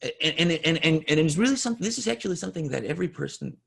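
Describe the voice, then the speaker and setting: A Danish man in his forties, a native speaker, talks candidly as an interview guest, halting and correcting himself in a husky, gravelly voice. His pitch sits a little high, and he sounds animated and somewhat bright.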